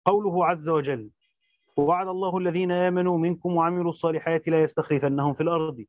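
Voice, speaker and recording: A man reading a Quran commentary aloud as a teacher, rushing through the text and stopping for short explanations. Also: fairly high pitch, fairly even intonation, darkish tone, no echo, lo-fi sound. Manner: rapid recitation with brief spoken explanations.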